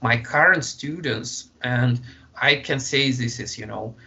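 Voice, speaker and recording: A man from Russia with a Russian accent, speaking English in a halting way with many fillers and restarts as an interview guest. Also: medium pitch, creaky, sharp tone, muffled recording. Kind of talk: conversational interview.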